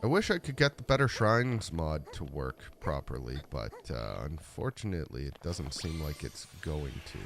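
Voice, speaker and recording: A man streaming live gameplay, talking and rambling to his chat, with a deep, raspy voice from a rough throat. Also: sing-song, normal speed, few pauses, noisy background. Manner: rambling, humming along while playing.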